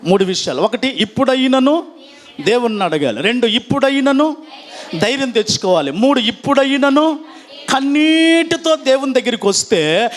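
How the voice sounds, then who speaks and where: A pastor preaching a sermon, leading the congregation in call-and-response and mixing in English phrases. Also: male voice, very high voice, animated, normal speed.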